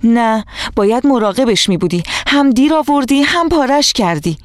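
A woman's voice: on the high side, expressive, no room sound, pitched above the performer's own voice. An insistent young schoolgirl, as a woman narrator voices her with a raised, reproachful tone. The sound is dry and close, as in a radio storybook. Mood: upset. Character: young schoolgirl, upset over her book.

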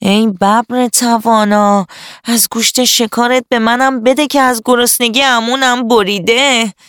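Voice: mid-range voice, a bit bright, clean tone, dry recording, clean studio sound, lightly acted. A storyteller voicing a lazy, whining male jackal who fawns and begs in a children's radio story. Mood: pleading. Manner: whining, fawning, drawn-out pleading.

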